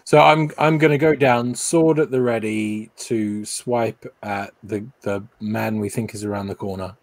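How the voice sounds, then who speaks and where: A man's voice: on the low side, fairly even intonation, a little slow, no room sound. A man playing a tabletop roleplaying game, chatting casually as he describes his moves. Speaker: player.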